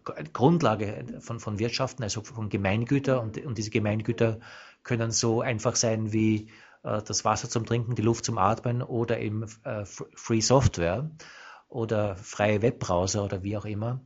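A man hosting a radio interview, halting and searching for words as he asks his questions. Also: fairly low pitch, steady tone, dull audio. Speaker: radio host.

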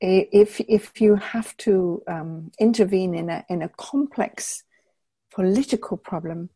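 An older woman from England giving measured, thoughtful interview answers, with frequent restarts as she gathers her words. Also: lowish voice, mellow, husky, no room sound. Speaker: interviewee, peace researcher.

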